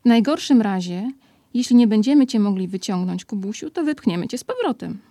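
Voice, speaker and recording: A woman's voice: medium pitch, lively intonation, a little fast, dark tone, no room sound, lightly acted. A woman reading a storybook, voicing a fussy male rabbit in a grumbling manner.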